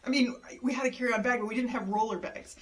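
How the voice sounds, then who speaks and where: A woman casually telling a personal story, lively and exasperated, mimicking the people she quotes with big leaps in her voice. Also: fast talker. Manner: animated, acts out quoted people with jumps in pitch; exasperated retelling of a travel mishap.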